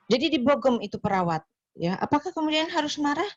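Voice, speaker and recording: A woman teaching a nursing class online, chatty, ending her phrases with "ya" and acting out patients and nurses in quick little voices. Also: high voice, big pitch swings, dry recording. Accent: Indonesian. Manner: chatty, ends phrases with "ya" and "gitu ya". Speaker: nursing lecturer. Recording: slightly dull lo-fi call audio.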